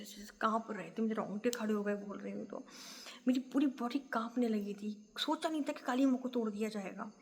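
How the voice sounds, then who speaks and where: A woman telling an emotional personal story about her temple, speaking earnestly with many pauses. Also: fairly high pitch, gravelly, big-room sound.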